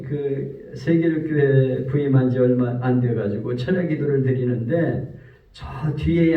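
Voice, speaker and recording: A man preaching a sermon as pastor, telling a story and acting out the people in it. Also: mid-range voice. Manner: storytelling, acts out quoted speech. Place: church sanctuary. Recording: roomy, distant, dull church recording.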